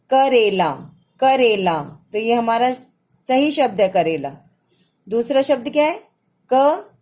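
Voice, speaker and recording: A woman teacher giving a patient, slow children's phonics lesson, repeating each word for young pupils. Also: fairly high pitch, a little mellow.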